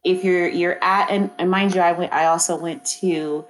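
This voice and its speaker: A reflective woman from East Oakland, slightly low-voiced, talks through her thoughts in a relaxed panel chat. She circles back and restarts often. The sound is close and dry. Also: moderate pace, rough recording. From East Oakland, California. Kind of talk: casual panel conversation.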